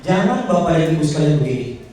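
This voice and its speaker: A man's voice: quick pace, slight background noise. A man giving a motivational business seminar to a live audience, acting out little dialogues in a raised voice. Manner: animated, acts out dialogues in a high voice. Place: large indoor hall with audience. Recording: echoey hall, mic heard from far off.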